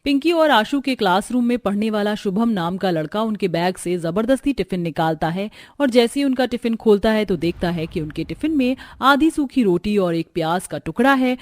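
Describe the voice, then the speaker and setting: A woman giving steady, scripted narration for a cartoon story. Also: medium pitch, dry recording.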